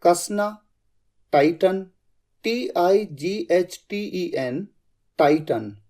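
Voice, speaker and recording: Vocabulary teacher, unhurried and mellow, spells out every word, then closes it with a low, firm repeat. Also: animated. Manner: says each word, spells it letter by letter, repeats it; drops to a lower, firmer pitch on the final repeat. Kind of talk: scripted vocabulary lesson.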